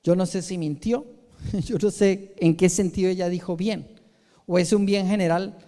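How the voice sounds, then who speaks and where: A Colombian man preaching from the pulpit in a high yet mellow voice. He tells the story with animation, with emphatic repeats and quoted voices. A long reverb trails each phrase, as in a church hall. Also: steady tone, normal speed. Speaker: pastor. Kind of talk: sermon.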